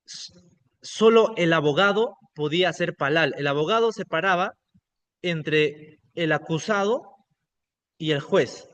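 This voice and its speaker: Slightly high-voiced man teaching a class. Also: fairly bright tone, lo-fi sound. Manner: explanatory, checks in with frequent "ok?". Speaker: pastor teaching biblical Hebrew. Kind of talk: online class lecture.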